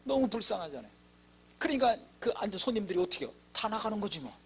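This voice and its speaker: Pastor guy preaching a sermon, kinda high and husky, gets loud and emphatic telling his story. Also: very animated, quick pace. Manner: storytelling with emphatic rises and quoted dialogue. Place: church sanctuary.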